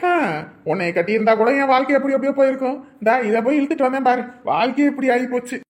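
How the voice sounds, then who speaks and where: A woman playing a fast-talking henpecked husband. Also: high voice, background noise, close to an everyday voice. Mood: teasing. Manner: teasing and grumbling. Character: joking henpecked village husband, teasing. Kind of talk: village comedy skit.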